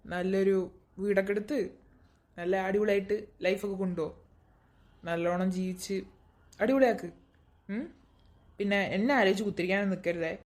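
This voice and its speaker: A woman voicing a gentle, consoling young man in an animated cartoon, speaking in a soft, reassuring, affectionate way. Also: medium pitch, natural voice.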